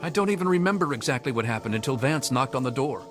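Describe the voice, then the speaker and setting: Speaking quickly with lively intonation, this man has a mid-range voice that stays close to how he'd normally talk. He's an actor voicing a troubled, earnest young man haunted by hunger, hesitantly confiding in video game dialogue with a troubled, reflective mood. There's music in the background.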